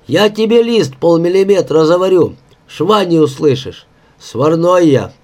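A man voicing a drunken, boastful old welder with a hoarse, growling voice torn from deep inside. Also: lively intonation, takes it slowly. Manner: rustic boasting, shouting. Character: old male welder, drunken, blustering, toothless. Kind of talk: audiobook character voice.

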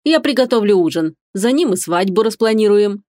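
A woman's voice: mid-range voice, expressive, normal speed, a little mellow, no echo, studio quality, natural voice. A woman reading an audiobook, voicing an older, meddling mother in a knowing, teasing manner. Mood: sly.

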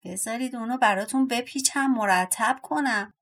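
A woman voicing a polite, clever young village girl in a storybook reading, speaking gently and carefully. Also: on the high side. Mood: calm.

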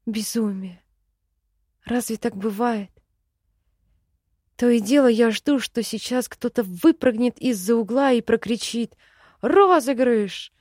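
A woman's voice: fairly high pitch, unhurried, long pauses, dark tone, no room sound, clean studio sound. A woman narrating a first-person novel in an emotive storytelling manner. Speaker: audiobook narrator.

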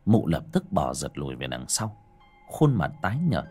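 Man, horror story narration, husky, low voice, lively, dramatic. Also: normal speed, faint music behind.

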